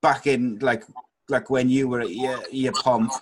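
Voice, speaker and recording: A man's voice: medium pitch, little pitch movement, a little slow, background noise. A man from Wales hosting a podcast in casual, teasing, matey sports chat. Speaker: podcast host.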